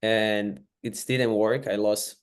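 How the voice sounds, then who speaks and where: Man, 20s, Israeli accent, low-ish voice, eager chatty guest, video call. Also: flat delivery, takes it slowly, clear, resonant tone. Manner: eager, non-native phrasing with fillers. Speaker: guest, real estate investor. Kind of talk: casual podcast interview.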